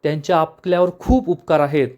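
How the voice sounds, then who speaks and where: A man's voice: a little high, expressive, a little fast, darkish tone, muffled recording, lightly acted. A man voicing an earnest young male hero in a serial recap, speaking his lines plainly in his own voice.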